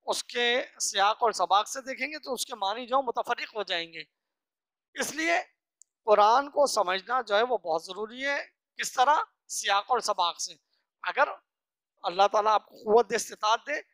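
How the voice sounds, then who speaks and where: Religious teacher going verse by verse, slow recitation then explaining, mid pitch, dry close sound. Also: fairly bright tone, dry recording. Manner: earnest, instructive, asks and answers own questions. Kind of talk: verse-by-verse scripture lesson.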